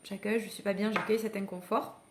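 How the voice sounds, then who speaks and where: Background noise accompanies a parenting coach giving a live online masterclass. She talks at a quick pace in a steady, medium-pitched voice, encouraging listeners conversationally, addressing them directly and inviting them to act, while often pausing and restarting.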